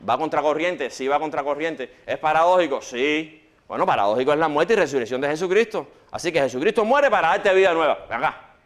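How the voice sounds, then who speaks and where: Male preacher, higher-pitched, lively sermon delivery. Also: a little fast. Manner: animated preaching, swings from loud questions to hushed quoting. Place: church.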